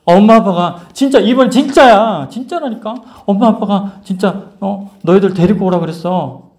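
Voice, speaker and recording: A man voicing a young female police officer who slowly sweet-talks small children into following her. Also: steady tone, gravelly, dark tone, roomy sound. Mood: coaxing. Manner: slow, low, sweet-talking.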